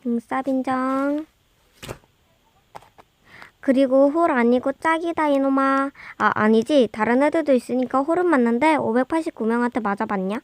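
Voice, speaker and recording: High-voiced young female video host. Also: normal speed, no echo. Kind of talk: casual chat to viewers.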